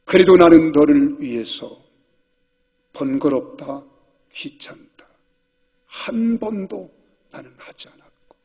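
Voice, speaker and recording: Man acting out an old father of eighty-three, gentle, loving, half-whispered, husky, dull reverberant hall sound. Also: on the high side.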